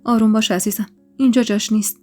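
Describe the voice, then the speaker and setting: Calm loving husband as a woman reads him, gentle, warm tone, faint music behind. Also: a little high, natural voice. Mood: soothing. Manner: gentle, reassuring.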